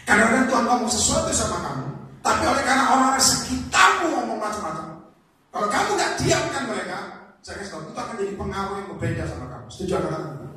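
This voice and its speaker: A man preaching a lively sermon, blunt and animated, calling on the congregation to answer amen. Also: high-pitched, rapid-fire. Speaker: evangelist preacher. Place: church hall in Jakarta. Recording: echoey hall, distant mic, faint noise.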